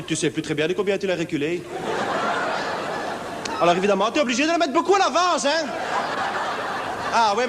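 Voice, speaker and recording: Actor doing a high-strung Belgian insomniac, rambling with tics, live in a reverberant theatre. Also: male voice, background noise. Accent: Belgian French. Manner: fidgety, rambling, full of verbal tics. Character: nervous naive lonely insomniac man. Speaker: stage comedian. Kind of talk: one-man stage show. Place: theatre stage with live audience.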